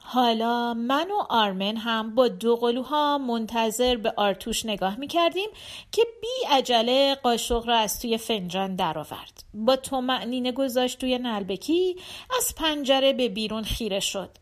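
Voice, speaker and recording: A woman narrating an audiobook in a lively, expressive way. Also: fairly high pitch.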